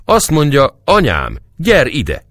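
A man's voice: medium pitch, wildly swooping pitch, a bit bright, no echo, clean studio sound, pitched above the performer's own voice. A man voicing a skinny, hook-nosed old baker woman in a storybook reading. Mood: triumphant. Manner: fussy, triumphant.

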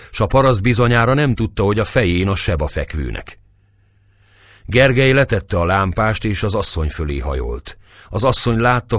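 A male narrator reads a historical novel in a very low voice that rises and falls widely as he reads. The sound is dry and close, with no room around it. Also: no room sound. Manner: dramatic, expressive reading. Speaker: audiobook narrator.

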